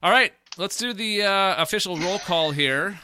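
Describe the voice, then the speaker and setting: A man's voice: high-pitched, moderate pace, pushed and bright, smooth, dry recording, studio quality. A man hosting a casual chat show, joking around with his co-hosts. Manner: jokey, puts on a mock old-fashioned accent at the start. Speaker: podcast host.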